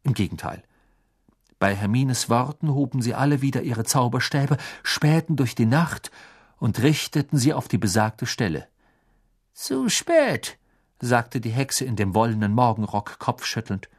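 A man reading an audiobook with dramatic, expressive narration. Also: medium pitch, normal speed, husky. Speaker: audiobook reader.

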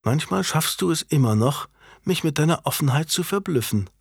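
A man voicing a sharp-tongued noblewoman, a wronged wife who turns scornful and biting, in an audiobook. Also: on the high side, animated, moderate pace, gravelly, slightly rough, no echo, clean studio sound, pitched above the performer's own voice, heavily acted. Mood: wistful. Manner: scornful, biting, rising to shouted accusations. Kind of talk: audiobook character reading.

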